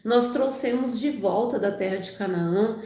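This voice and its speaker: Her voice is a little high and mellow, and she speaks a little slowly, with reverb around it. She hosts a live channel where she reads the Bible aloud and chats casually, leaning on "né" and "tá bom." Because she is recovering from a cold, her voice sounds a little off.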